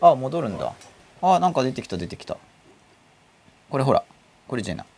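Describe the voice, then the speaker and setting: A man's voice: mid-range voice, big pitch swings, fairly quick, creaky, darkish tone, slightly rough. A man hosting a casual livestream talk show, playful and teasing, laughing often. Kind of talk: casual chat.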